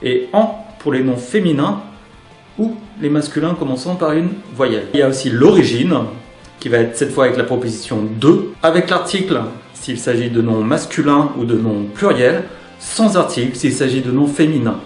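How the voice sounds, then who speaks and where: A man giving a grammar lesson straight to his viewers, pitched in the middle range. He talks with lively, clear emphasis, like a teacher. The room around him rings with noticeable echo. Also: moderate pace, soft background music. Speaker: French teacher. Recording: echoey room.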